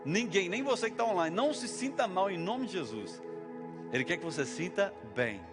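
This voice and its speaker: A man's voice: high-pitched, animated, normal speed, music in the background. A man with a Brazilian Portuguese accent preaching a sermon as pastor, talking in a conversational way and acting out little dialogues. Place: church service.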